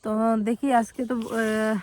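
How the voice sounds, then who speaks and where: A young woman talking quietly and casually to her viewers while doing chores at home. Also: a little high, little pitch movement, normal speed, slight background noise. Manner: soft-spoken, chatty, addresses viewers directly. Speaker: vlogger. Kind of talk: casual vlog narration.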